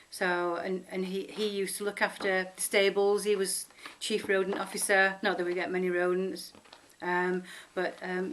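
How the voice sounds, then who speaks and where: A middle-aged woman from Sheffield in northern England, with a Northern English accent, introduces herself as a vlogger in a casual, unscripted chat to camera. She rambles affectionately to her viewers in a mid-range, fairly bright voice. There's slight background noise.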